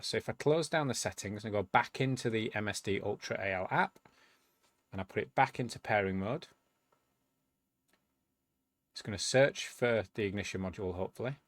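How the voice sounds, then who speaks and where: With a lowish voice and no audible room sound, a man hosts a step-by-step tech tutorial. He's easygoing, explaining as he goes and musing aloud during the demonstration.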